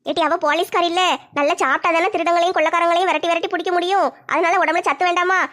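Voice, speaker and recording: A woman's voice: very high-pitched, steady tone, very fast, fairly bright tone. A woman playing a thrifty, bossy middle-aged village mother who talks bluntly and teases in a homemade comedy skit.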